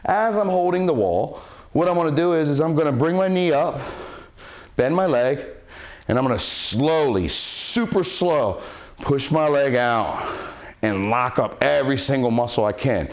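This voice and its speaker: A man's voice: medium pitch, animated, moderate pace. A man coaching a martial arts cardio workout, a little out of breath as he demonstrates the kicks. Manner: breathes sharp huss sounds on strikes while demonstrating. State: slightly out of breath from exercising. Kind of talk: instructional workout talk.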